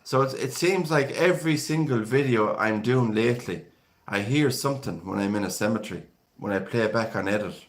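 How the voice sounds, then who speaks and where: A Galway man with a west of Ireland accent talks at a fairly quick clip in a medium-pitched voice. On his live stream he rambles along conversationally, chatting casually and reading viewer comments aloud.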